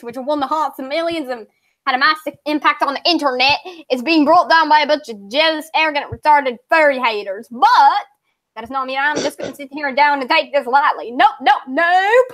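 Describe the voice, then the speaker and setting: A woman voicing a furious, pompous internet story author, in a put-on Southern accent and a grandiose, drawn-out rant. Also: high voice, a bit bright, pitched above the performer's own voice. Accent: put-on American Southern. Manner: ranting, grandiose, slow and drawn out. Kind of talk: dramatic reading of a forum post.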